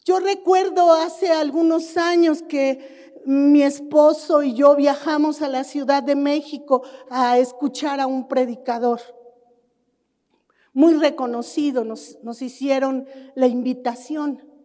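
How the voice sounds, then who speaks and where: A middle-aged woman pastor with a high, mellow voice preaches at an unhurried pace. She tells her stories with animation and acts out other people. Her voice rings with the long reverb of a church hall. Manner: animated storytelling, acting out neighbors. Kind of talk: sermon. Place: church sanctuary.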